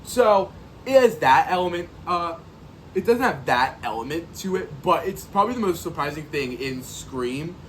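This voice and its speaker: A man's voice: on the high side, normal speed, slight background noise. A man hosting a podcast, reviewing a horror sequel on his own in a sarcastic, joking way and acting out audience reactions. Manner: animated and sarcastic, doing mock audience reactions. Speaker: podcast host. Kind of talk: solo movie review.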